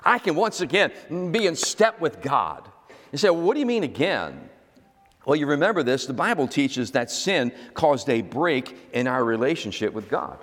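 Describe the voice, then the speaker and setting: A man's voice: mid-range voice, sing-song, normal speed, a bit bright, big-room sound. A male pastor preaching a teaching sermon. He repeats key words and asks the congregation to answer him.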